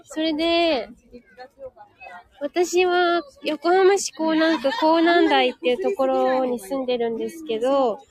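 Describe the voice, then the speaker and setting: A woman's voice: sits high, steady tone, a little slow, a little mellow. A woman live streaming from an outdoor market stall, chatting to listeners and serving customers in a polite, welcoming customer-service voice. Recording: busy outdoor crowd noise behind. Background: crowd chatter.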